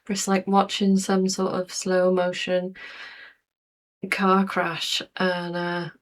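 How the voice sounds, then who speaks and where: A woman talks to her viewers in an easygoing, rambling vlog. Her voice sits a little low, and she takes her time, drifting through ums and asides at a slow, unhurried pace. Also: completely flat delivery. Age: 40s. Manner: rambling, chatty, with frequent fillers and laughs. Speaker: YouTuber. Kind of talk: casual vlog chat.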